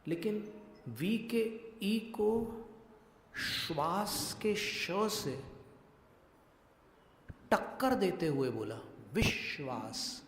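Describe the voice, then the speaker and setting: A male monk giving a religious discourse, teaching Sanskrit pronunciation slowly and deliberately and putting questions to his listeners. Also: sits high, lively intonation. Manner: slow, deliberate, questions the audience. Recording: echoey hall with long reverb.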